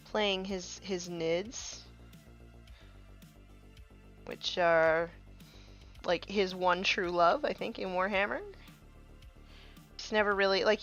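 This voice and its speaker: A woman in her thirties with a lowish, fairly bright voice chats casually on a live stream while she paints miniatures, and the audio sounds dull. She uses lots of fillers and sometimes trails off into a murmur.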